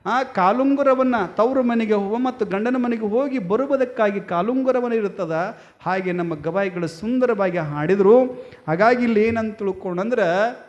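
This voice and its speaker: A man with a very high voice preaches in a North Karnataka Kannada accent. He tells folksy stories to his listeners, calling out to the women and slipping into small voices for the characters. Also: normal speed, muffled recording. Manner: folksy, addresses women as yavva, acts out story voices. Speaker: swami preacher. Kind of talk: devotional sermon with storytelling.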